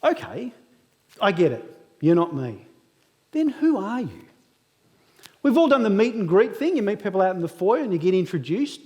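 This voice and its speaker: Telling humorous stories at his own expense, this thirties-aged guest speaker gives a motivational graduation address in a big, reverberant hall. He has a high, warm voice that swings widely in pitch, moving at normal speed with long pauses.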